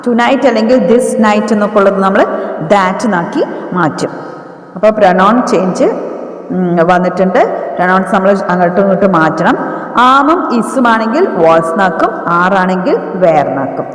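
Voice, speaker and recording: Echoey, distant woman teaching grammar. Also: medium pitch. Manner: mixes Malayalam explanation with slow, spelled-out English dictation. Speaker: English teacher. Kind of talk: grammar lesson, dictating example sentences slowly.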